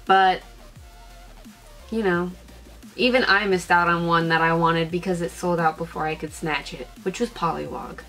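A woman's voice: medium pitch, fairly bright tone. Bubbly young woman gushing over makeup. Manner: bubbly, gushing, chatty with lots of "like" and "freaking". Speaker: beauty vlogger. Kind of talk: casual chat.

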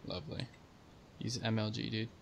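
A man chatting casually while playing a video game, joking and swearing, with sudden loud outbursts. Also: lowish voice, monotone, moderate pace, vocal fry, a crowd in the background. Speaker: gaming YouTuber. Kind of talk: casual gameplay chat.

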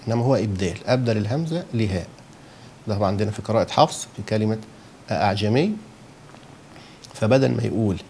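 A man's voice: on the low side, creaky, warm tone, a little hiss or hum. A man with an Egyptian Arabic accent teaching a lesson on letter sounds, often checking that listeners follow and saying the sounds aloud to show them. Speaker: Quran recitation teacher. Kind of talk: explaining a lesson.

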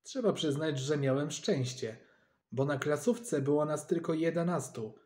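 A man reading a children's storybook aloud with lively, expressive delivery. He tells it in the first person as a boy, and his voice sits somewhat high for a man. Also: a little slow.

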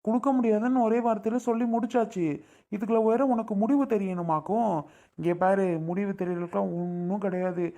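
A woman's voice: medium pitch, fairly even intonation, brisk, mellow, natural voice. A woman playing a stern, irritable older father who scolds and shoos people away in a family drama skit.

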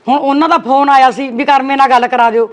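A woman plays a worried middle-aged village aunt with a Malwai Punjabi accent. Her voice is high, and she coaxes and insists, calling him "son" again and again. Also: steady tone, quick pace, lightly acted. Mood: coaxing. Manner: coaxing, insistent, repeating "son". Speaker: paternal aunt. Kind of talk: web series acting.

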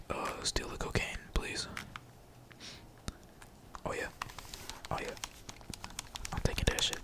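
Hosting his own gaming channel, this male streamer talks to viewers in a whisper, giving laid-back ASMR commentary in a breathy, teasing mutter laced with slang and curse words.

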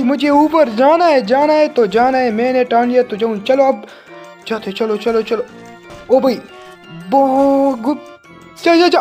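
A man giving excited let's-play commentary as a gaming channel host. He yelps, repeats words over and over, and keeps calling the viewer brother. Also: extremely high pitch.

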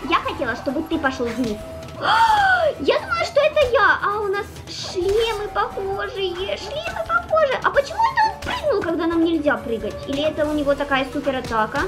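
A young woman giving playful, chatty, exclamatory commentary as a gaming host, in a casual Let's Play style. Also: very high voice. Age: young adult. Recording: music behind the voice. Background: game music.

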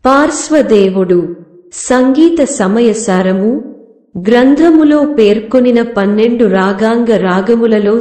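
Slow, measured woman in an echoey room. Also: fairly high pitch, warm tone. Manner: slow, measured recital of terms and lists. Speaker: music teacher. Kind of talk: scripted lecture on a raga.

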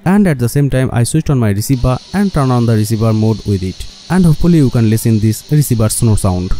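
An electronics hobbyist, a man who speaks English as a second language, narrates a scripted DIY electronics tutorial, addressing viewers directly as "guys" with non-native phrasing. His voice is medium-pitched and warm, with slight background noise.

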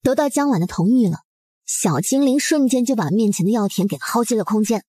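A woman's voice: a little high, animated, a little fast, warm tone, breathy edge, no room sound. A woman narrating a webnovel story expressively, in a colloquial, dramatizing storyteller's manner.

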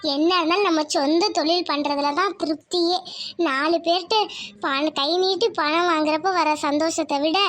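A woman's voice: very high-pitched, a bit bright. A woman voicing several village women in a cartoon series, talking in emotional, pleading dialogue.

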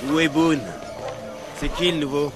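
A man's voice: fairly high pitch, level tone, measured pace, natural voice. A man voicing an anxious father living in an occupied camp, in a dubbed video game, with music behind. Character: nervous male camp resident, a father. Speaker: camp resident guide.

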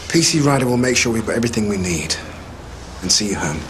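An actor playing a matter-of-fact police detective with a British accent in a TV drama. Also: male voice, on the low side, expressive, quick pace, close to an everyday voice. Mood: businesslike. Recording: background noise from the set.

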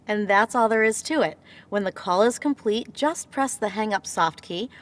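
A woman in her thirties presenting scripted instructions, clearly enunciated and explanatory. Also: mid-range voice, moderate pace. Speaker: presenter of car instructional video.

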